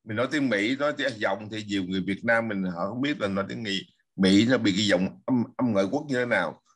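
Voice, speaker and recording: A man's voice: fairly low pitch, fast. A man hosting a casual political talk, emphatic and asking himself questions he then answers. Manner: emphatic, asks and answers his own questions.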